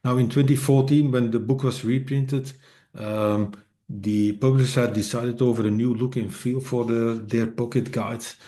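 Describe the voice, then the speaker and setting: A middle-aged author and speaker whose first language is Dutch gives a casual English presentation to an online meetup, hesitant and full of fillers and restarts, with a wry, self-deprecating streak. His mid-range voice has fairly even intonation, a dark tone, and a normal speed.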